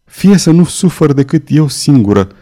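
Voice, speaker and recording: Male reader as a trembling young noblewoman, fearful and pleading, mellow tone. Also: a little high, animated, voice pushed up, natural voice. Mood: anxious. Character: timid young woman in love, fearful.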